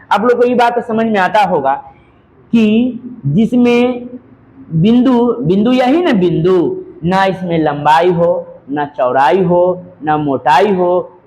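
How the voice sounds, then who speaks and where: A man's voice: sits high, a little mellow, slight background noise, low-quality recording. A man teaching a math class in with a flavour, dictating notes phrase by phrase, repeating each line and answering his own questions. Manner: repeats each phrase slowly for students to copy; asks questions and answers them himself.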